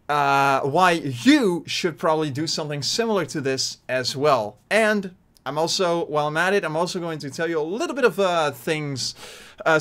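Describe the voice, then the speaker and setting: A young Dutch YouTuber in his twenties, from the Netherlands and with a Dutch accent, chats casually into his webcam from a small bedroom, gesturing animatedly. His slightly high voice rambles with plenty of fillers and restarts, picked up by a desk mic in front of the webcam.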